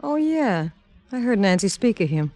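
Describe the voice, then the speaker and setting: A woman's voice: mid-range voice, sing-song, normal speed, mellow, close to an everyday voice. An actress playing a scheming young woman poisoner in an old radio drama, speaking coyly and slyly. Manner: coy and sly, then taunting. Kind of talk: 1940s radio drama acting.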